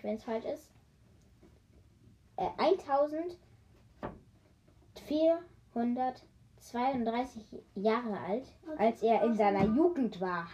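Reading a children's book aloud in a mellow voice, a woman frequently breaks off to joke with her audience, trips over words before fixing them, and pitches up for the characters' brief cries. The audio quality is poor.

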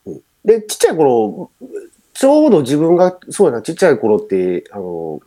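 A man's voice: on the high side, huge pitch swings, normal speed, mellow. A middle-aged man with a Kansai accent, chatting casually as a podcast co-host and rambling with many fillers. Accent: Kansai Japanese. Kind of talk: casual chat.

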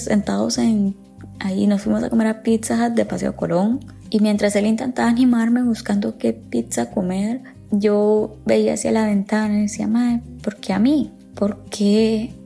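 A woman's voice: a little high, level tone, moderate pace, gravelly, mellow, soft background music. A woman in her thirties with a Costa Rican accent, telling a personal story in a candid, emotional way with wry touches. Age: 30s.

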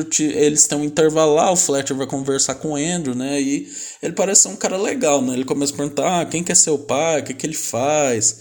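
A young man with a Brazilian accent walks through a film's story in a relaxed, slangy way. His voice sits at an ordinary middle pitch, and he keeps checking in with quick tag questions as he goes. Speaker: film recapper. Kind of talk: casual film retelling.

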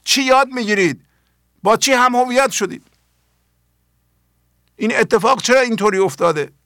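A man's voice: very high voice, sharp tone, dry recording, clean studio sound. An older man, a spiritual teacher hosting his own program, giving an earnest talk on poetry and asking his listeners many pointed questions.

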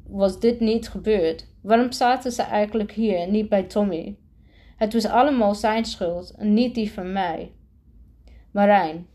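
A woman's voice: medium pitch, mellow. Woman reading a storybook with stumbles. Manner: frequent stumbles and self-corrections. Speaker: reader. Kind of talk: storybook reading, first-person narration.

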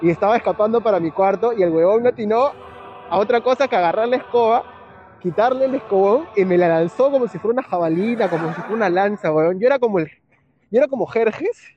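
A man with a Peruvian accent chatting casually, slangy and relaxed, laughing at his own stories. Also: sits high, quick pace. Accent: Peruvian Spanish. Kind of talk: casual chat. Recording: muffled lo-fi with faint background hiss.

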